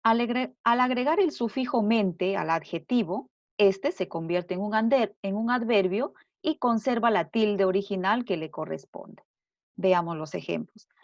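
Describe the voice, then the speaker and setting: A woman teacher giving a recorded grammar lesson, explaining slowly and deliberately and repeating her examples. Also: mid-range voice, no echo. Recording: dull lo-fi dry recording.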